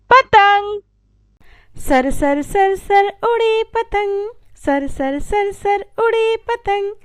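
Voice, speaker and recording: Very high-voiced woman teacher reciting. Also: no room sound, studio quality. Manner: sing-song recitation for small children. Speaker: primary school teacher. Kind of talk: children's lesson and poem recitation.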